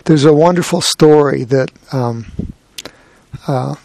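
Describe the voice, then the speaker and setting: A man giving a gentle, reflective dharma talk as a meditation teacher, with a light touch of humor. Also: a little high, takes it slowly, creaky, no room sound.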